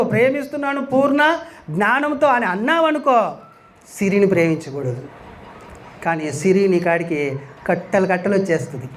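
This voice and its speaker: A man's voice: sits high, a little hiss or hum. A man preaching a sermon to a gathering, emphatic, asking rhetorical questions and repeating scripture lines aloud.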